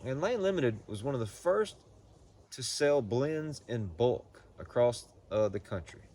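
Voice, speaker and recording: A man giving a casual, unscripted product review in a halting, folksy way, often repeating words as he goes. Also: medium pitch, lively intonation, a little mellow. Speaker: pipe tobacco reviewer.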